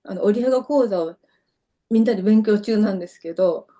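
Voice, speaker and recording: A woman's voice: medium pitch, brisk, warm tone. A middle-aged woman from Kyoto with a Kansai accent, a dancer chatting as an interview guest and telling long, rambling stories full of fillers. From Kyoto, Japan. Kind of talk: casual interview chat.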